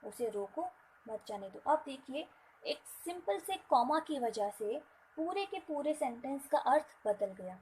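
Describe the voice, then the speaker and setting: A woman teaches a lesson, her voice a touch higher than most. She explains patiently and checks in with her students again and again. A faint hiss sits under the recording. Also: rough recording. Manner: repetitive, checking in with "theek hai" and "right". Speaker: English teacher. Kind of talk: classroom explanation in Hindi mixed with English.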